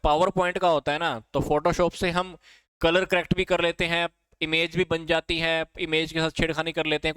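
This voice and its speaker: High clear-voiced Indian male teacher. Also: a bit bright, no room sound, poor audio. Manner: reads English questions slowly, then explains in Hindi and answers himself. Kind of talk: exam-prep lesson, reading quiz questions.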